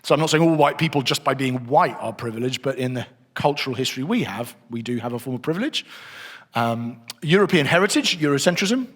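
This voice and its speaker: A middle-aged man with a medium-pitched, expressive voice leads a conversational teaching session in a church hall, moving briskly and thinking aloud as he goes through his slides. The hall gives the recording a long reverb.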